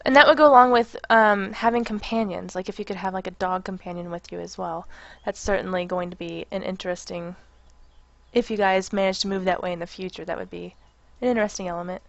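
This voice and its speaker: A woman's voice: medium pitch, steady tone, fast talker, vocal fry, fairly bright tone, dry recording, dull audio. A woman interviewer asking questions in a chatty, playful way. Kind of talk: casual interview questions over an online call.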